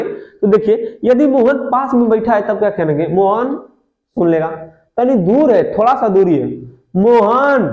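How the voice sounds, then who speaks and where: A man teaching a grammar lesson for exam students, asking questions and answering them himself, and stretching vowels to demonstrate them. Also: sits high. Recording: dull lo-fi audio in an echoey room.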